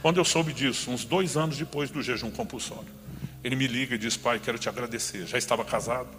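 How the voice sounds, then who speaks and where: A middle-aged male pastor preaches at a brisk clip, his voice bright and forceful as he tells a personal story and slips into the voices of the people in it. The sound rings with a long hall reverb. Soft music plays faintly underneath. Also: medium pitch. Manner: lively storyteller who acts out dialogue.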